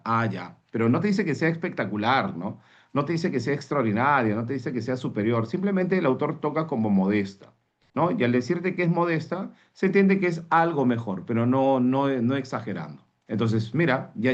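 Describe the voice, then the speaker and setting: A man from Peru teaches reading online, walking through a text step by step. He keeps asking rhetorical questions and tagging his sentences with "¿no?". The sound is a little dull and lo-fi, and his pitch sits in the middle. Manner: explains step by step, asks himself rhetorical questions; tags lines with "¿no?" and "mis estimados". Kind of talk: online reading comprehension class.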